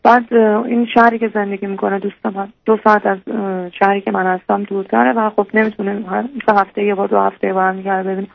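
A woman's voice: medium pitch, level tone, creaky, hardly any pauses, a little hiss or hum. A young woman calling a radio advice show, telling a personal story hesitantly, with many fillers and restarts. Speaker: radio caller. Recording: muffled lo-fi radio line.

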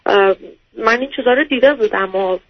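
A woman's voice: a little high, no room sound. A woman calling in to an advice show, explaining at length in a hesitant, stammering way. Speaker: caller. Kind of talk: call-in counseling chat. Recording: dull lo-fi phone-line audio.

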